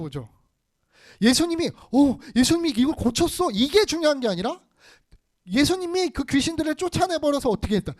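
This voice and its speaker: A woman giving a sermon to children over a video call, often asking her listeners questions. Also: a little high. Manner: asks the listeners many questions. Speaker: preacher to children.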